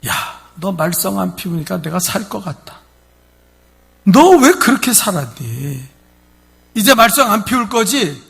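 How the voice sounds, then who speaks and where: A man's voice: high voice, sing-song, measured pace, vocal fry, husky, heavily acted. A man doing a nagging, scolding father. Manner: nagging, reproachful. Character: scolding father lecturing his son.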